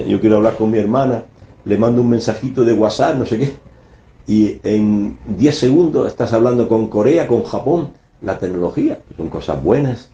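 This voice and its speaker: A man's voice: on the low side, normal speed, mellow. A man, preaching an earnest, emphatic radio sermon and acting out scripture quotes. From Spain. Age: 70s. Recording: echoey, dull lo-fi radio broadcast.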